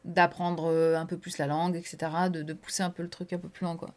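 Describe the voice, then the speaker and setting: A woman's voice: lowish voice, flat delivery, fast. A woman guesting on a podcast, talking loosely in casual chat with heavy fillers and offhand swearing.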